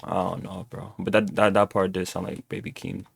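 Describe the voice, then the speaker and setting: A man's voice: sits low, level tone, normal speed, vocal fry, breathy edge, no room sound. A young man hosting a music reaction video, talking loosely and thinking aloud with lots of fillers. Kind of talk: casual album reaction commentary.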